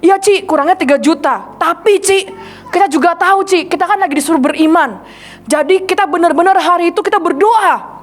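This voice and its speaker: A woman evangelist preaching a sermon, retelling testimonies and acting out the people she quotes in a lively way. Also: very high voice, brisk, soft background music.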